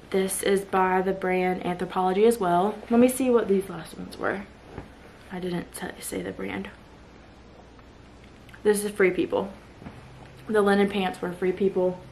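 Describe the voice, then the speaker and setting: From a guest bedroom at home, a woman with a lowish voice chats casually for her lifestyle vlog, sucking on a cough drop for her sore throat and using plenty of fillers. The recording is rough, with slight background noise.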